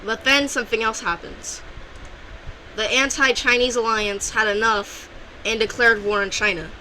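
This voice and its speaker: Fairly high yet steady, her voice is bright and forceful at a moderate pace, recorded roughly with a little hiss or hum. She narrates an alternate-history map video casually, wandering loosely with frequent restarts and self-corrections.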